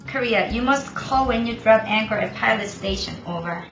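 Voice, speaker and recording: A woman's voice: fairly high pitch, moderate pace, creaky, a bit bright. A woman playing a port control operator on a marine radio call, speaking in clipped, formal radio procedure. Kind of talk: scripted maritime radio role-play. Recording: echoey room with music underneath.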